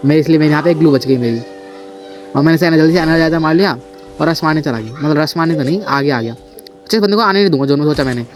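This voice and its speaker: With faint music playing behind him, this man talks fast in a slightly high voice as he casually commentates over footage of his own shooter match. Playful and self-deprecating, the gameplay commentator chats straight to his audience, constantly addressing them as "brother."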